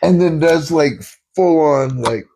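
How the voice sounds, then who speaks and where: A man's voice: on the high side, slow pace, vocal fry, dark tone, slightly rough. A man on a casual podcast, telling rambling stories full of fillers and swearing. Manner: rambling, profane storytelling with many fillers. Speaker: podcast co-host.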